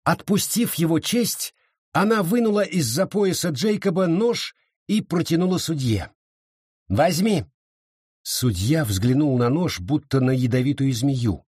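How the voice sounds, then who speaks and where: Brief: male narrator, husky, lively pitch, dramatic reading, dry studio. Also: unhurried, dry recording. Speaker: audiobook narrator. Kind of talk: scripted narration.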